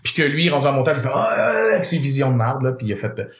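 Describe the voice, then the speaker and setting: Fast-talking Québécois comedian. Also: male voice, medium pitch. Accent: Québécois French. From Quebec. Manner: animated, profane storyteller. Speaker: comedian guest. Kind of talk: podcast storytelling.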